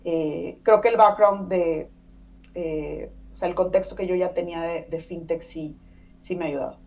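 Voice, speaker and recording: Her voice sits on the low side, fairly even in intonation and a little mellow, moving at a moderate pace. She's a Mexican woman in her thirties, a Spanish first-language speaker, appearing as a chatty podcast guest in a casual interview, leaning on fillers and tag questions. A distant mic captures her.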